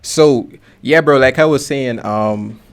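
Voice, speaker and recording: A podcast host from Guyana talks slowly in a medium-pitched voice, running a casual, laid-back interview chat packed with informal slang.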